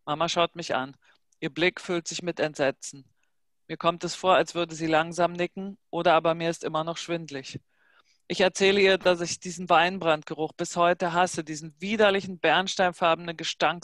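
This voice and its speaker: A woman reading a novel excerpt aloud in a measured, hushed, dramatic way. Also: deep voice, no room sound. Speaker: reader of a translated novel excerpt. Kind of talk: literary reading.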